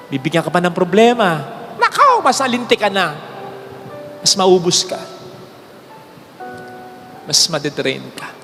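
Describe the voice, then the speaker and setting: A man with a Filipino accent giving a homily as a priest, telling a story with lively swings between raised exclaims and low, hushed lines. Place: large church. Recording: long church reverb with faint ambience.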